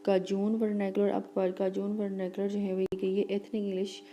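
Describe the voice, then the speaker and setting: A woman teacher giving a lecture, reading English lines slowly and explaining them quickly in between, with fillers and restarts. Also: mid-range voice, completely flat delivery, lo-fi sound, a little hiss or hum.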